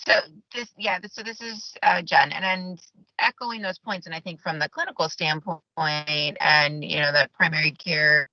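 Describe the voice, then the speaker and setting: Low-voiced woman on a glitchy breaking-up call. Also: steady tone, moderate pace, pushed and bright, no room sound. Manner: hesitant, with many restarts. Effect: choppy audio cutting out on a weak call connection. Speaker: clinician. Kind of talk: virtual meeting discussion. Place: parked car lot between patient visits. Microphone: video call on a phone or laptop. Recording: dull, choppy video call audio.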